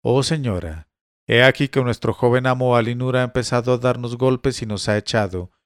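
A man's voice: medium pitch, normal speed, clear, resonant tone, no room sound, close to an everyday voice. A man voicing frightened young slave girls in a spoken story reading, with a dry sound.

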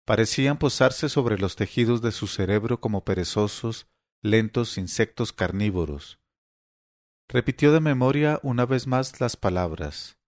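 Slow, low-voiced male audiobook narrator. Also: no room sound, studio quality. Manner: measured, even storytelling.

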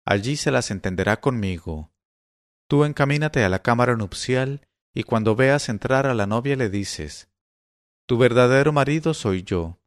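A menacing efrit spirit, voiced by a man reading a storybook aloud. He gives slow, stern commands in a medium-pitched voice. The recording is dry and close. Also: dry recording, lightly acted.

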